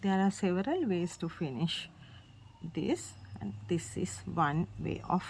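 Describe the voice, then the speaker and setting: A woman's voice: fairly low pitch, lively intonation, measured pace, a little mellow, slight background noise. A woman with a Sri Lankan accent, a native Sinhala speaker, giving an informal step-by-step tutorial with simple, repeated phrasing. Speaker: craft tutorial host. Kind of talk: informal instructional demonstration.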